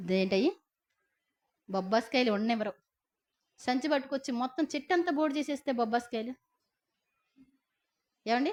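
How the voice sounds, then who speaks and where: Woman, middle-aged, fairly high voice, chatty sermon, keeps asking the congregation questions. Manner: conversational preaching with rhetorical questions and tag questions. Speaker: preacher.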